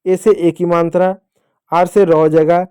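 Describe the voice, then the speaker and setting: A man's voice: high voice, little pitch movement, a little slow, dark tone, smooth. A man teaching children to spell English words letter by letter, repeating each answer. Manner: addresses the class as children. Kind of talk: spelling lesson for kids.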